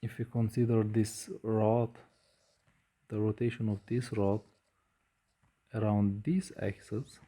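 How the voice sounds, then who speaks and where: A man giving a physics lecture at a board, speaking slowly with frequent "uh" hesitations while he writes. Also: on the low side, steady tone, dark tone. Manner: slow, measured, frequent hesitations with uh. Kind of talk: whiteboard lecture.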